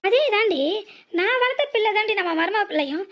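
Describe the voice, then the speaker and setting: A woman voicing a shrill fretting cartoon mother. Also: expressive, a little fast, fairly bright tone. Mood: anxious, scolding. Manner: scolds with blunt insults, frets aloud. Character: worried, scolding middle-aged Tamil mother. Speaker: mother in a family cartoon serial. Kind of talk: cartoon serial voice acting.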